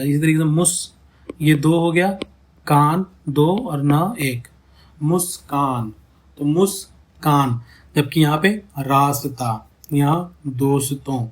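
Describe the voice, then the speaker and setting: A man teaching a lesson on counting syllables in ghazal poetry, explaining step by step and saying words over slowly to show how they sound. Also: on the high side. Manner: checks in often with "theek hai" and "hai na".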